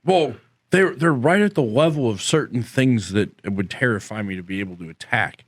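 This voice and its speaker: A man's voice: mid-range voice, lively intonation, normal speed, dry recording. A man co-hosting a podcast, a laid-back, self-mocking storyteller on a close mic. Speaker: podcast co-host. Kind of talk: casual chat, anecdotes.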